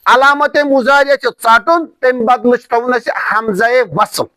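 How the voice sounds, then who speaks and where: A man teaches an Arabic lesson, repeating each form patiently and stressing his examples. His voice sits very high for a man and sounds bright and forceful. The recording is close and dry. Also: no room sound. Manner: slow, repetitive drilling of word forms, emphatic examples.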